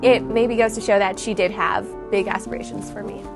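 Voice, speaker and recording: A woman's voice: medium pitch, fairly even intonation, fairly quick, music in the background. A woman, speaking earnestly and reflectively in a taped interview. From San Francisco, United States. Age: 20s. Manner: earnest and reflective, grows emotional.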